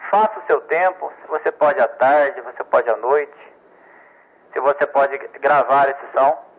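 A man's voice: mid-range voice, unhurried, breathy edge. A man explaining telegraphy basics in a patient, repetitive lesson, often stammering and checking with "ok?". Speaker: telegraphy instructor. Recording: tinny radio transmission.

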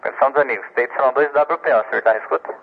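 A man hosts a ham radio net, his voice coming through a two-way radio, thin and tinny like a phone line. He talks casually, stumbling over repeated words and often checking in with his listeners. His pitch sits in the middle range. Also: gravelly, husky. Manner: chatty, halting repeats, frequent "ok?" check-ins. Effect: heard over a two-way radio transmission. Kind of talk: casual on-air announcements. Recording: tinny narrowband radio transmission.

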